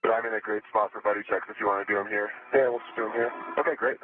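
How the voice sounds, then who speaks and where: A man's voice: lowish voice, very fast. Man on crackly breaking-up space radio. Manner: terse, calm call-and-response. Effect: crackly, breaking-up space-to-ground radio. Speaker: astronaut on a spacewalk. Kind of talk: clipped radio procedure talk. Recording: noisy narrow-band space radio.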